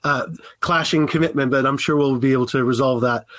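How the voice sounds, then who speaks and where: A man's voice: mid-range voice, fairly even intonation, brisk, a bit bright, no echo. Male interview host, wheezy voice, conversational delivery, close dry sound. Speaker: podcast host.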